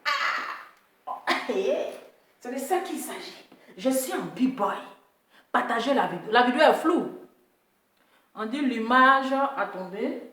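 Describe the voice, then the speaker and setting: A woman's voice: a little high, lively intonation, a little slow, long pauses, fairly bright tone, a little hiss or hum. A woman hosting a casual live stream, teasing and laughing as she talks straight to her viewers and repeats herself. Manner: repetitive, teasing, often laughing, addresses viewers directly. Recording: echoey room, voice from far off the mic.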